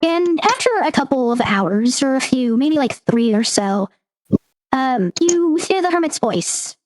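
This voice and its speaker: A woman's voice: high voice, expressive, measured pace, a little mellow, slight background noise. A woman game master narrating a tabletop roleplaying game in a descriptive, scene-setting way.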